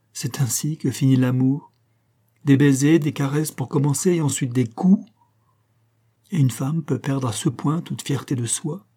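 A man's voice: medium pitch, dark tone, voice pushed up, natural voice. A man voicing a prim, unmarried schoolteacher aunt who confides an old secret with earnest feeling, in a read-aloud story.

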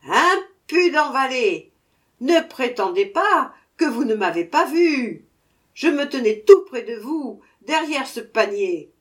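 A woman voicing an irascible tiny bearded male dwarf who shouts his demands in a storybook reading. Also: sits high, animated, a little slow, pitched above the performer's own voice. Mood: bossy.

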